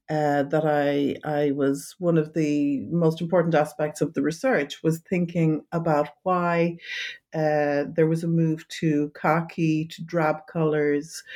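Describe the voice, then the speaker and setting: Academic woman from Ireland, lowish mellow voice, measured and hesitant, interview guest. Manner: thoughtful, hesitant with fillers. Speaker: author and design history academic. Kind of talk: interview answers.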